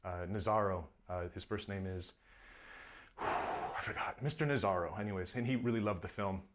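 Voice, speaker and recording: A man's voice: lowish voice, normal speed. A man in his thirties, a film director talking in a casual interview, rambling with lots of fillers. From Canada. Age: 30s. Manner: rambling, many fillers and restarts.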